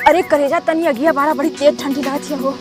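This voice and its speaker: A woman with a very high voice scolds and bickers in a rural family comedy sketch. Her lines come fast and sharp. Loud music plays behind her. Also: steady tone.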